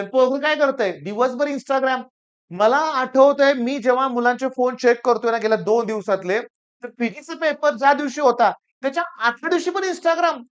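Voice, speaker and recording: A man's voice: extremely high pitch, a bit bright, clean tone. A middle-aged man who teaches at a coaching class, giving students a stern, scolding talk and repeating phrases for emphasis. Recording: dull lo-fi recording.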